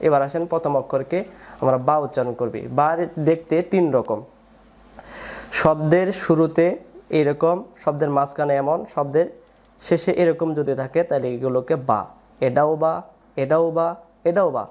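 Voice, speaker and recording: A man with a fairly high voice leads a beginner Quran reading class. He spells out each letter and vowel mark slowly and repeats them again and again. He pauses so the listener can answer. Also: steady tone, a little mellow. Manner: patient, repeats each sound and drills the viewer; call-and-response drilling. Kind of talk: step-by-step spoken lesson.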